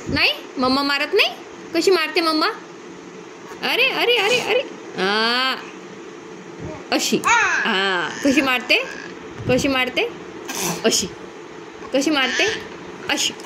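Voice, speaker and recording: A woman's voice: very high-pitched, noisy background. A woman talking playfully to her young children in a casual home video, coaxing them with baby talk. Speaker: mother filming her children.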